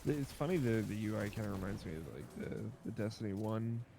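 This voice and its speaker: A man's voice: on the low side, fairly quick, over music. A young man chatting casually as a game streamer in an easygoing, slangy way. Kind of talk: casual chat while gaming.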